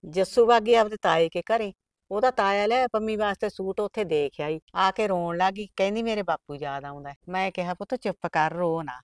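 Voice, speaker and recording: A woman acting as a worried middle-aged village aunt with a Malwa Punjabi accent, pouring out her troubles in a plain, confiding way. Her voice sits at a middling pitch and sounds dry and close, with no room around it. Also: clean tone, no echo, lightly acted. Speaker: aunt raising an orphaned niece. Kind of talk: village short film acting.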